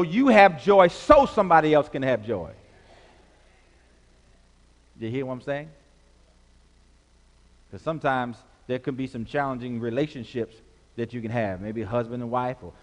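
A man preaching a sermon as pastor, leading the congregation in call-and-response with repeated phrases and rising emphatic passages. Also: mid-range voice. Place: church sanctuary. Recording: long hall reverb.

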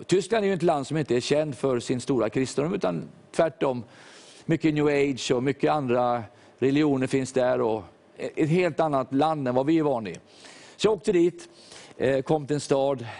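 A man's voice: mid-range voice, vocal fry, a little mellow. Older man preaching a sermon. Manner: storytelling, acts out quoted voices. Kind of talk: sermon testimony.

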